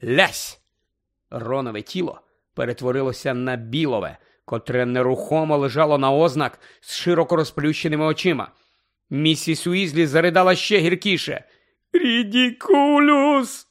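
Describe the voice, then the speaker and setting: A man narrating a fantasy audiobook in an expressive, dramatic reading style. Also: on the high side, moderate pace. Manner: dramatic, shifting tone with the story.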